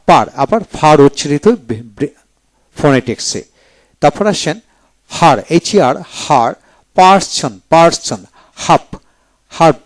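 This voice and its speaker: A man teaching English pronunciation in a video lecture, spelling letters out and repeating each word slowly. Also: fairly high pitch, no room sound. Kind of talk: video lecture, drilling words aloud.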